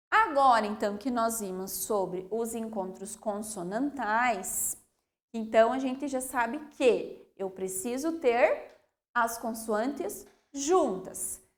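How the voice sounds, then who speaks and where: A female primary school teacher with a Brazilian accent, explaining a lesson clearly and sounding out words slowly, often checking in with "ok?" and "né?". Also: fairly high pitch, expressive. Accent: Brazilian Portuguese. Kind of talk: slow, clear classroom explanation.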